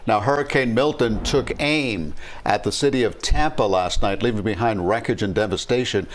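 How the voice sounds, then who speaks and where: A man's voice: lowish voice, moderate pace. A man anchoring the news, reading a scripted introduction to a live report.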